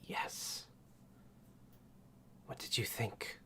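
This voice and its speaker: A man voicing an eerie, needling snake lady in a breathy whispered snake voice, slow and cryptic, as whispered role-play in a tabletop game. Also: fairly bright tone. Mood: taunting.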